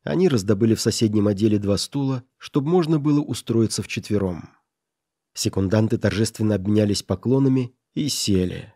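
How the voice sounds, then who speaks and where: An audiobook reader narrates a classic story from a script in a fairly low voice, keeping a measured, even storytelling pace. The recording is clean studio sound with no room sound.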